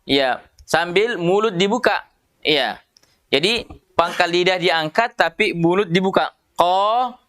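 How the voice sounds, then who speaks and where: A man teaching Quran pronunciation, explaining patiently in a conversational way and slowly drawing out single syllables to demonstrate them. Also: high-pitched, a bit bright, clean tone. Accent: Indonesian. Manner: many fillers and restarts, conversational. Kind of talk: tajwid lesson.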